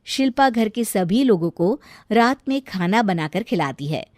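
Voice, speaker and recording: A woman narrating a scripted family story in an expressive storytelling way. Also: medium pitch, a little slow, dry recording, clean studio sound.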